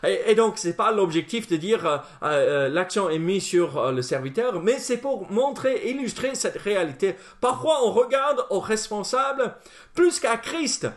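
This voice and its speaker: A man's voice: high voice, animated, moderate pace. A man preaching a sermon as pastor, speaking with frequent hesitations, fillers and restarts. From not France. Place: church.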